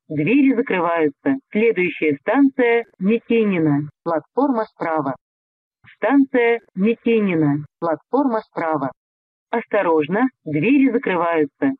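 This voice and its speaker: High man's voice on the train intercom. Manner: formal, measured announcing. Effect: over the train intercom. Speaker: transit announcer. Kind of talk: recorded metro announcements. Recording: tinny lo-fi train loudspeaker.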